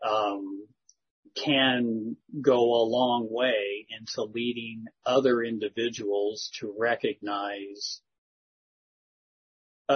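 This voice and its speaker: A man, a church elder, calmly and thoughtfully explaining scripture in a slow, measured way during a group discussion. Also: medium pitch, slightly rough. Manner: measured, thoughtful, gently corrective. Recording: dull lo-fi recording.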